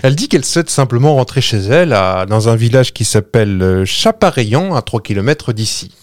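A man tells a roadside ghost story in an easygoing, jokey way, with many little hesitations. His pitch rises and falls freely as he talks. The sound is dry and close, with hardly any room around it. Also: sing-song, brisk, no echo. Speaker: podcast storyteller. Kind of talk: casual storytelling chat.

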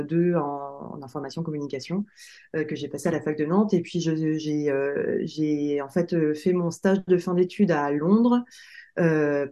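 A woman in her late thirties, a podcast guest telling her story in a relaxed, hesitant, conversational way. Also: low voice, muffled recording. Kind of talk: casual conversational interview.

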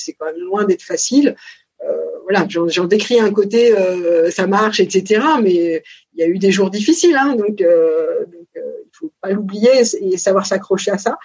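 Husky-voiced woman, dull lo-fi sound. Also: mid-range voice, expressive, normal speed, darkish tone. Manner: thoughtful, hesitant with many fillers. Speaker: business founder guest. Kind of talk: casual interview conversation.

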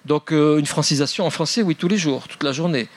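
A man's voice: a little high, fairly quick, no room sound. Hesitant, wry man speaking in public. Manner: hesitant, many fillers and restarts, wry self-mocking humor. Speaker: author presenting his book at a public forum. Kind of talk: public talk, then answering questions.

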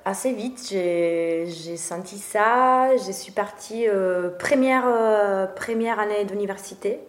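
A woman's voice: medium pitch, slow. A young woman from northeast Italy, chatting in an interview with frequent fillers and laughs. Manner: hesitant, many fillers, laughs often. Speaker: guest, café co-owner. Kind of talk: casual interview chat. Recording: roomy sound with faint noise.

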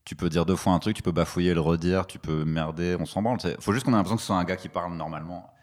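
A stand-up comic with a remarkably deep, low voice, speaking quickly. He is slangy and relaxed in a casual interview chat, and he rambles from one thought to the next. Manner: slangy, laid-back, rambling. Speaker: stand-up comedian.

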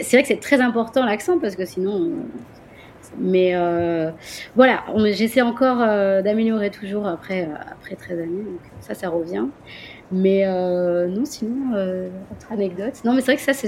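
A woman from Marseille who runs a tour company, chatting in a casual interview, animated, with frequent laughs and hesitant fillers. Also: mid-range voice, moderate pace, a little hiss or hum. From Marseille, France. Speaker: guest, tour company owner.

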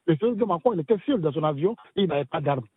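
A man's voice: a little high, animated, rapid-fire, breathy edge. A man leaving a voicemail for a call-in radio show, arguing his point with rhetorical questions. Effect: voicemail message played over the radio. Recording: dry tinny phone line.

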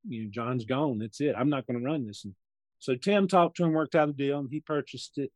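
Slightly quick and darkish in tone, this mid-range male voice comes with no room sound. The speaker, a US real estate investor in his sixties, is a podcast guest who rambles through anecdotes in a relaxed interview, performing other people's dialogue as he goes.

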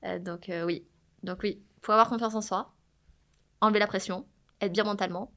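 A young woman chatting casually as a guest, relaxed and talkative, often laughing. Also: mid-range voice, normal speed. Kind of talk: casual chat.

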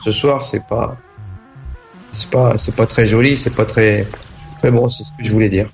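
A man's voice: lowish voice, fairly even intonation, normal speed. A man hosting a live talk show, speaking earnestly and hesitantly as he thinks aloud, with faint music behind. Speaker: host. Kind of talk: casual live discussion.

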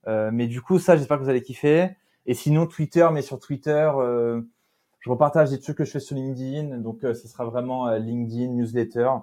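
A man's voice: mid-range voice, brisk. A man in his twenties, a podcast guest, chatting casually and joking with the host. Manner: relaxed, joking, many fillers. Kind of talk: casual interview chat.

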